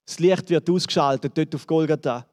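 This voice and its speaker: A man with a Swiss German accent preaching a sermon, building dramatically and then dropping to hushed lines. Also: brisk, big-room sound. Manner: dramatic, swells and drops in pitch and volume. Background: band playing softly.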